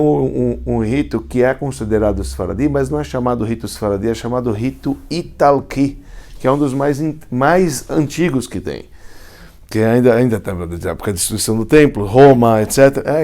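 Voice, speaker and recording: A man's voice: medium pitch, warm tone. A man, a rabbi teaching Hebrew letters in a class, explaining step by step and often asking if students follow. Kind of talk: classroom lecture.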